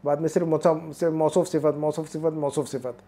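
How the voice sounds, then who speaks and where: Patient, mellow-voiced male language teacher. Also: on the high side, flat delivery. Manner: drills phrases slowly, then explains quickly. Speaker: Arabic teacher. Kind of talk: one-on-one language lesson.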